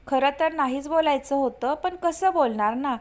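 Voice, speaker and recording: A woman voicing a warm, fussing older mother-in-law who coaxes and insists. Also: sits high, normal speed, natural voice. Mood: coaxing.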